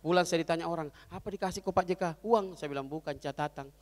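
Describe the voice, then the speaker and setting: This is a fast-talking comedian with a high, energetic voice, performing stand-up at a company event in a big hall. He moves in and out of characters, some soft and some loud, while the room's long echo trails his words.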